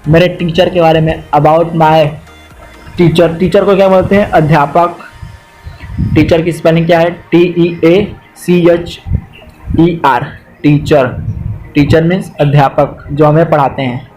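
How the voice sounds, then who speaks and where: A man with an Indian accent teaching beginner English vocabulary, spelling each word out letter by letter and repeating it slowly. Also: fairly high pitch, fairly even intonation, darkish tone, soft background music, low-quality recording. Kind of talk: slow spelled-out vocabulary lesson.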